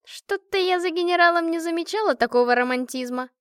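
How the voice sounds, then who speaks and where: Lady reading as a burned-out young girl soldier, rough and tearful, pitched up high and loud, dry close sound. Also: fairly quick, dry recording, close to an everyday voice. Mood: teasing rough. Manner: bitter, tearful, coarse. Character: tired tough orphan girl soldier, young woman.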